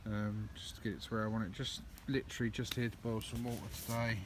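Man, thirties, chatty and rambling, filmed on a phone in the woods, background noise clearly audible. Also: on the low side, level tone, fast talker. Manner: rambling, many ums, chatty. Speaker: outdoors vlogger. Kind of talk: casual vlog narration. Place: woodland campsite and path outdoors. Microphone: phone camera held at arm's length.

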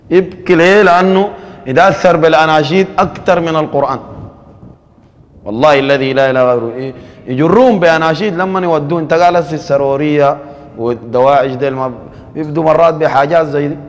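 A man's voice: mid-range voice, in a large hall. A man with a Sudanese Arabic accent giving a sermon in a conversational preaching style, acting out quoted dialogue.

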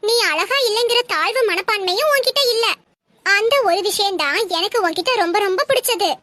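Bossy scolding big sister done by a woman, very high bright voice, comedy sketch. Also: expressive, a little fast, no room sound, exaggerated voice. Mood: mocking. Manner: scolding, mocking. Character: teasing older sister, bossy and quick-tempered.

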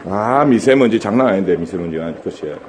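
A man's voice: lowish voice, animated, a little fast, background noise. A man with a Gyeongsang Korean accent chatting casually to viewers outdoors, joking, stammering and rambling. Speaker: vlogger and live streamer. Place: outdoors in a rural garden.

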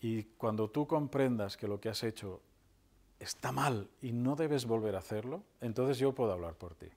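A middle-aged man, preaching a sermon as pastor in a conversational way, with fillers and slow emphatic phrases. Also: mid-range voice, darkish tone. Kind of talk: sermon with storytelling.

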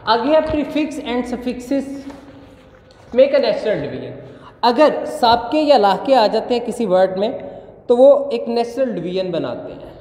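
A woman from Pakistan, teaching a grammar lesson online. She explains step by step, asks the class questions, answers them herself, and reads the English examples slowly and carefully. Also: a little high, animated, dark tone. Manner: slow, careful reading of English example sentences. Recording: echoey room with long reverb.

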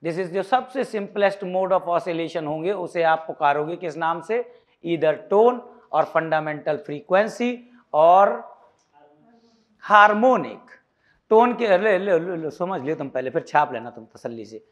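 High-voiced man teaching physics. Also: animated, measured pace. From India. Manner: quizzing students with repeated questions, mixing English terms; bantering, teasing asides. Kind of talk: classroom lecture.

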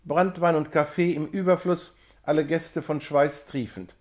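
Man reading a classic novella. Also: on the high side. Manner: measured, expressive literary reading. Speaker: reader.

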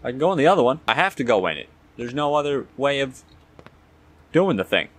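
A young guy streaming a horror game. His pitch jumps around as he reacts like a jittery, scared player, talking to himself in casual slang. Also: very animated, fairly quick. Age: young adult. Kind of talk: casual gameplay commentary.

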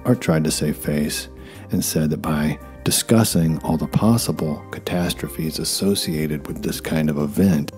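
Very deep-voiced man narrating wryly. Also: mellow. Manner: wry, self-deprecating asides. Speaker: YouTube narrator. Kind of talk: scripted documentary narration. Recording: faint music behind voice. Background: faint music.

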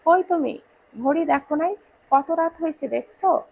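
Woman voicing a doting mother, scolding, raised gravelly voice. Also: high voice, normal speed, fairly bright tone, dry recording, heavily acted, poor audio. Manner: scolding, then coaxing. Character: doting village mother, teasing and warm.

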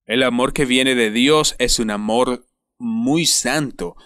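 A man preaching a sermon in a deliberate, emphatic way, dwelling on repeated words. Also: mid-range voice, a bit bright, no echo, clean studio sound. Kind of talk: sermon voice-over.

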